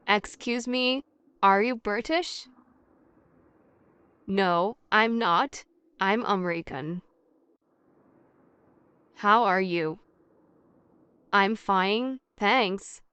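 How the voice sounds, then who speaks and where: A woman's voice: mid-range voice, a bit bright, smooth, no echo. A woman reading a scripted English practice dialogue, carefully enunciating each question and answer and repeating every exchange twice. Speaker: language teacher.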